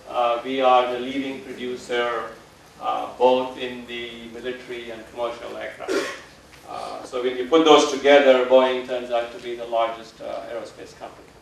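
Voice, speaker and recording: A man giving a relaxed public lecture, his talk studded with "uh" fillers. He is heard from a distance in a large hall, with heavy echo and a faint hum of room noise behind him. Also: mid-range voice, gravelly. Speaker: guest lecturer. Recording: echoey hall, voice from far off.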